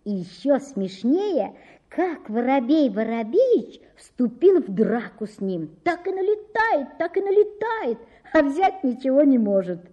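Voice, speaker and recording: A woman reading a children's fairy tale aloud in an expressive storytelling manner. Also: sits high, a little slow, dull audio.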